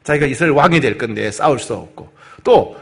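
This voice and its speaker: A man's voice: mid-range voice, fast talker, gravelly. A male pastor leading a Bible study, animatedly retelling the story and quizzing his congregation. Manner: animated, asks the congregation questions.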